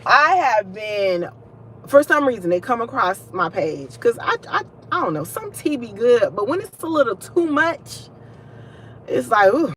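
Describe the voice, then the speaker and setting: A woman's voice: on the high side, a little hiss or hum. A young woman, hosting a casual livestream, chatting and venting directly to her viewers. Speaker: livestream host.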